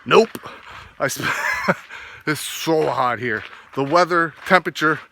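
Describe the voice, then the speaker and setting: A man talking casually to a vlog while walking outdoors, rambling and often pausing to find his words. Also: a little high, creaky, bright, forceful tone, slight background noise. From east coast of Canada. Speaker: fitness vlogger.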